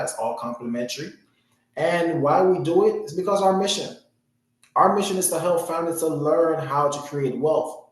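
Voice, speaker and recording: A man's voice: a little high, very echoey, rough recording. A man from Jamaica giving an earnest, motivational financial education talk, with many "you know" fillers. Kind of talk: webinar-style presentation.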